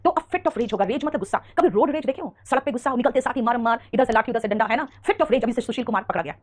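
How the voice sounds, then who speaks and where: A high-voiced Indian woman teaches an English grammar lesson at a rapid clip. Her tone is brisk and fondly scolding, like a teacher coaxing students through common mistakes. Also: animated. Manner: fast, scolding-affectionate, calls students "beta". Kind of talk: online grammar class.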